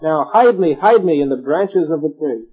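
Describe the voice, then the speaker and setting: A man's voice: fairly high pitch, animated, normal speed, husky. A man voicing a poor young servant girl in a told folk tale, speaking earnestly in a slightly raised voice. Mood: pleading. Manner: pleading, earnest. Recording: tinny phone-like line.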